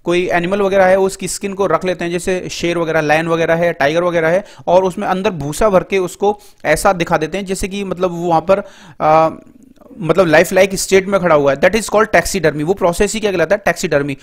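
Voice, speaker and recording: A middle-aged man teaching English vocabulary through word roots in a Hindi lecture, explaining step by step and reading English definitions out slowly. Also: high voice, steady tone. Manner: explains word roots step by step, often says "ठीक है" and "दोस्तों".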